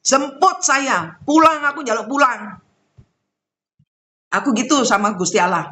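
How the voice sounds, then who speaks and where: Bright, high-voiced woman telling stories. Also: measured pace. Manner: animated, laughs often, mixes in Javanese and English. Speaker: spiritual talk host. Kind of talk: casual spiritual storytelling monologue.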